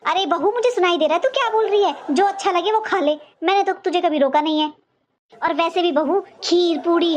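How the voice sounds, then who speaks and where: A woman voicing a sharp-tongued older mother-in-law in a cartoon, taunting and sarcastic in every line. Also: extremely high pitch, slight background noise. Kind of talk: cartoon voice acting.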